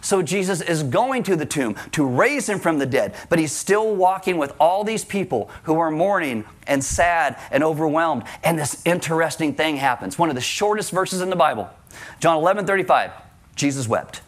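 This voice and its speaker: A middle-aged man preaching a sermon in a conversational, animated way, acting out quotes and adding asides. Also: a little high, moderate pace. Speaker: pastor.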